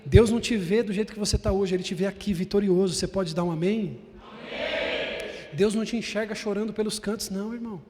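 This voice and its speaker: High-voiced emphatic preaching man. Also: fast talker, few pauses, warm tone, in a large hall. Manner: emphatic repetition, addressing congregation as irmão. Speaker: bishop preaching. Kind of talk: sermon. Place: large church hall.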